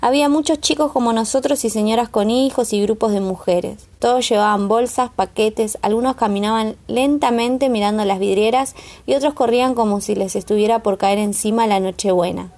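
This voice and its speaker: A woman with a Rioplatense Spanish accent narrating an audiobook in a calm, even storytelling manner. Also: fairly high pitch, fairly quick. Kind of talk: scripted narration.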